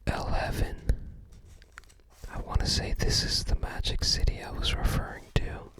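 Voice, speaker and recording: Leafing through a game guide book, this ASMR host offers unscripted commentary in a soft, breathy, unvoiced whisper. Nothing is rushed; the host muses aloud and recalls details tentatively.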